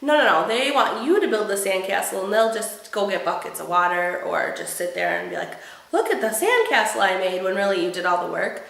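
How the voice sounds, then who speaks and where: Gravelly-voiced mom with a cold, chatty. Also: female voice, mid-range voice, brisk, hardly any pauses, fairly bright tone, echoey room, poor audio. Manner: chatty, wry and self-mocking. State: has a cold. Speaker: mom vlogger. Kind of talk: casual chat to camera.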